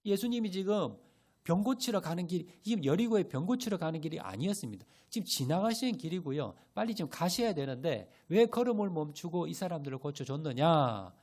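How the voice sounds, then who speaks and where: Preaching a Sunday sermon in a church sanctuary, a male pastor talks fairly quickly in a fairly high voice. He's animated, with emphasis that rises and falls, and he keeps posing questions to the congregation and answering them himself.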